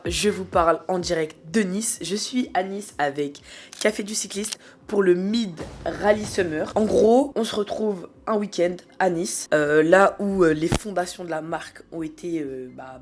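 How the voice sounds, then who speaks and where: A woman with a French accent, chatting casually to camera as a cycling vlogger, upbeat and full of fillers, filming on a handheld phone. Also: on the low side. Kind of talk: casual vlog chat to camera.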